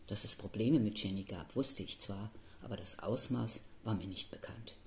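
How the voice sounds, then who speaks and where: A man narrating a first-person story in a measured, somber reading voice. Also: fairly low pitch, a little mellow. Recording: echoey room with faint noise.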